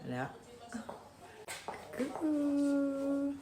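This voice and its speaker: A woman's voice: high-pitched, big pitch swings, drawn-out words, echoey room, a crowd in the background. A young woman chatting casually through a vlog as a mother, with many fillers and coos to her baby. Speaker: vlogger and mother. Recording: noisy background ambience.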